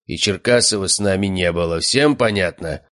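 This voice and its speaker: A man's voice: low-pitched, normal speed, fairly bright tone, dry recording, clean studio sound. A man voicing a callous, menacing young male gang leader who growls and hisses his orders in an audiobook. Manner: growling, hissing.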